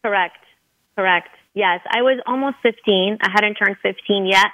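In a conversational interview, a middle-aged Lebanese woman, a dentist whose mother tongue is Arabic, tells her story earnestly and fills it with hesitations. Her medium-pitched voice is bright and forceful at a moderate pace, on a dry recording of poor quality.

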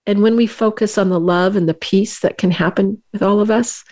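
A woman's voice: mid-range voice, fairly even intonation, a little mellow. A woman hosting a talk show, speaking earnestly with frequent restarts and fillers. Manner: earnest, halting, with many restarts. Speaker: radio show host.

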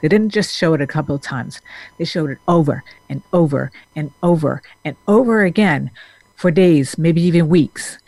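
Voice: mid-range voice, normal speed, a little mellow. A therapist who grew up in Denmark talks straight to the camera in an earnest, meandering way. The speaker often restarts sentences and reaches for words. The sound is dry and close, with no room echo. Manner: earnest, rambling, with frequent restarts and fillers. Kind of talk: casual talking-head monologue.

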